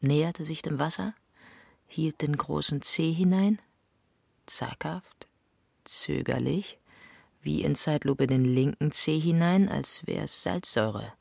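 Woman reading an intimate monologue, half whispered, raspy with some fry, dead dry sound. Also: sits low, slow pace, a little mellow, no echo. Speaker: narrator. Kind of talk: literary first-person monologue.

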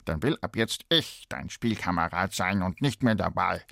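A man's voice: sits low, lively intonation, moderate pace, creaky, a bit bright, no echo, clean studio sound, full character voice. A man voicing a cheeky, slippery frog in a spoken fairy tale who makes demands. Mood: pushy. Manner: demanding, pushy.

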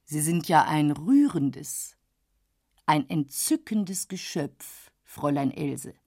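Eine Frau, die in einer Hörbuchlesung einen herablassenden, berechnenden älteren Herrn spricht, langsam und gönnerhaft. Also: female voice, animated, creaky, no echo, clean studio sound, exaggerated voice. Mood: patronizing. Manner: slow, patronizing, low and soft. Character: condescending older gentleman, smooth and calculating. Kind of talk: audiobook reading.

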